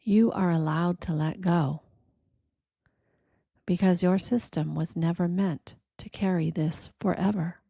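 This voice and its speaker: A woman gives a quiet, reflective scripted reading in a gentle, deliberate manner, leaving pauses between short phrases. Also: on the low side, steady tone, creaky, no echo, studio quality. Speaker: narrator of a reflective spiritual reading.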